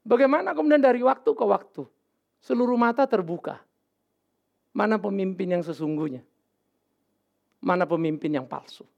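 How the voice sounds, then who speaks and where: A male pastor preaching a sermon in a casual, animated way, with sudden loud outbursts and English words mixed in. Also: high-pitched, gravelly. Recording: dull lo-fi sermon recording.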